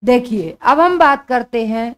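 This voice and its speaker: A young adult woman teaching a grammar lesson for exam preparation, explaining slowly and repeating her key points. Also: a little high, animated.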